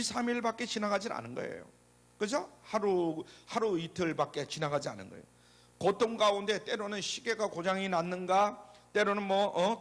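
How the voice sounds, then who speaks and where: A middle-aged pastor with a high, fairly bright voice preaches a sermon in a church sanctuary, asking the congregation questions and answering them himself. Long church reverb fills the recording.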